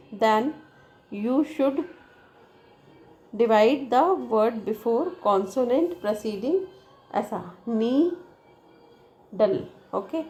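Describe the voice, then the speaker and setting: A woman walks through a lesson at a very slow, deliberate pace. Her voice sits a little high, and she keeps checking in with her listeners as she reads. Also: dark tone, low-quality recording. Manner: reads from text, checks with "right?" and "okay?". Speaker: English teacher. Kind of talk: bilingual lesson explaining slowly.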